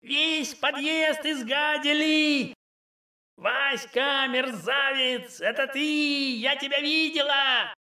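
A man's voice: extremely high pitch, fairly even intonation, slow, sharp tone, roomy sound, far from the mic, pitched above the performer's own voice, exaggerated voice. A man voicing a furious middle-aged woman neighbor who shrieks abuse. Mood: furious shrieking.

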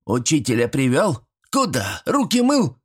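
A man's voice: medium pitch, huge pitch swings, unhurried, breathy edge, voice pushed up, full character voice. Man doing a bossy old village grandma. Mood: scolding. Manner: rustic folksy speech, scolding and fussing.

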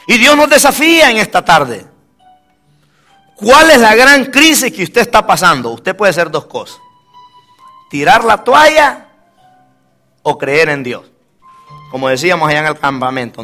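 A man preaching a lively sermon as pastor, mixing jokes and stories, calling out to listeners as brother and dropping into quieter asides. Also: high voice.

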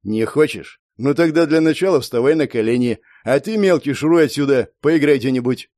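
A man's voice: medium pitch, brisk, a little mellow, dry recording, studio quality, lightly acted. A man voicing a crude, cruel young thug who barks threats. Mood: threatening.

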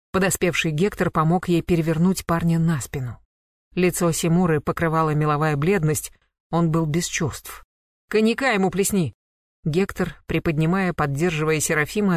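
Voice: mid-range voice, no room sound. Dramatic audiobook narrator, dry sound. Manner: dramatic, measured reading.

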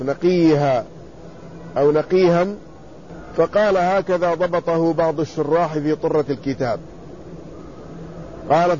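A man teaching a classical text, reading each passage and then explaining it slowly and deliberately. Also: on the high side, a little mellow, highs cut off, a little hiss or hum. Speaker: teacher of hadith sciences.

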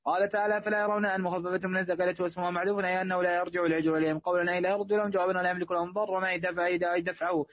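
A man reading a classical commentary aloud as a student, in a fast monotone with quick self-corrections. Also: high voice, dry recording. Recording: dry, phone-like line.

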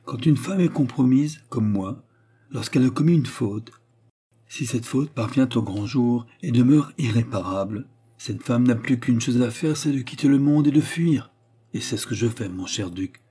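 A man's voice: medium pitch, moderate pace, mellow, slightly rough, pitched above the performer's own voice. A man reading aloud and voicing a scheming young widow who feigns distress in a dramatic, pleading way. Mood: cold.

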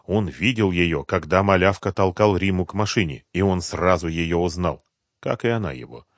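A man narrating a crime audiobook in an even, measured manner. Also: low voice, dry recording, clean studio sound.

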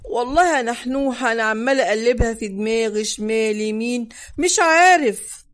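A woman's voice: on the high side, brisk, close to an everyday voice. A woman reads an easygoing police officer answering the phone half-asleep in an Egyptian crime audiobook. He shrugs everything off in a lazy, unbothered drawl. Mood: offhand. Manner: sleepy, offhand. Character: drowsy, laid-back male police officer on the phone.

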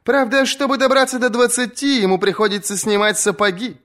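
A man's voice: very high-pitched, level tone, a little fast, fairly bright tone, pitched above the performer's own voice. A bold mocking sea captain woman, voiced by a man. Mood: defiant mocking. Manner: mocking, taunting, commanding. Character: young fierce female sea captain, mocking. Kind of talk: audiobook reading.

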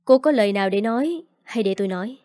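A woman voicing a caring, protective young aunt who speaks gently but firmly. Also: medium pitch, expressive, quick pace, no echo, studio quality, natural voice.

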